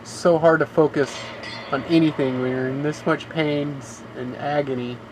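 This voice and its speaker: A man's voice: a little high, steady tone, normal speed, background noise. A man streaming a game live, rambling through long complaints and often saying "you know". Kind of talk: live gameplay commentary.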